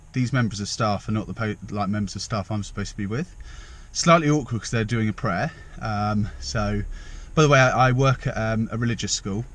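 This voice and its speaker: A man's voice: medium pitch, a bit bright. A young man from England, rambling chattily and self-deprecatingly in a casual vlog. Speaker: vlogger.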